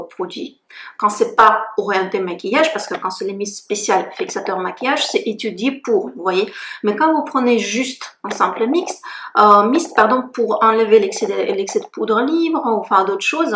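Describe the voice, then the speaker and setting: A woman's voice: mid-range voice, a bit bright. French woman beauty vlogger, blunt, casual, self-mocking; echoey home recording with light noise. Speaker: beauty blogger reviewing used-up products. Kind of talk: casual talking-head review. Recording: echoey room with faint noise.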